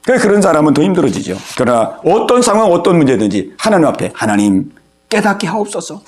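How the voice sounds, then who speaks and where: A man's voice: on the high side, sing-song, racing. A male pastor preaching an evening sermon. He acts out worried inner voices and heartfelt prayers, and calls on church members by name to ask for their amens. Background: congregation answering amen.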